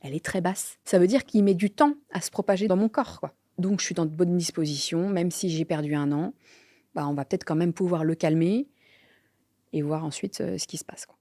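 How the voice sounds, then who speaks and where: Candid woman, low-pitched and halting. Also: warm tone, dry recording, studio quality. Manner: candid, halting with many fillers, drops to near-whispers. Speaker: interviewee telling her story. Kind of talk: personal testimony.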